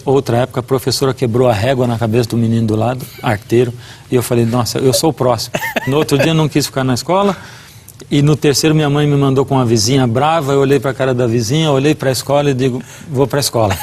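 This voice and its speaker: A man's voice: medium pitch, darkish tone. A middle-aged man, a guest preacher, giving a devotional talk and telling a personal story earnestly, acting out the dialogue.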